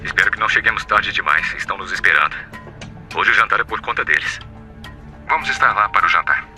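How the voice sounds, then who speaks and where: An actor playing a calm male airline pilot in the cockpit, his voice distant as if heard over a headset. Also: on the low side, quick pace, soft background music. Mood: chatty.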